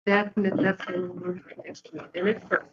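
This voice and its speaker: A woman chatting casually before a community board meeting starts. Her phrases come quick and broken, and her pitch is in the middle range for a woman. The recording is dull and lo-fi. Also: flat delivery, noisy background. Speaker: advisory board member. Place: meeting room.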